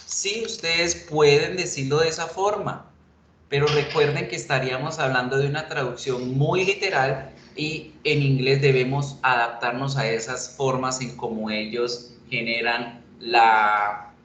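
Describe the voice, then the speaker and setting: Slow, patient male English teacher. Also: medium pitch, a bit bright. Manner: patient, explains slowly and repeats examples. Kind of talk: bilingual online class lecture. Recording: echoey room with faint noise.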